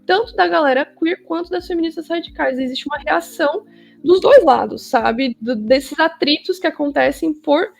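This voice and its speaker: A woman's voice: high-pitched, normal speed, gravelly, soft background music. A Brazilian woman in a casual interview, giving opinions in an emphatic, slangy way and repeating phrases for stress. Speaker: interview guest.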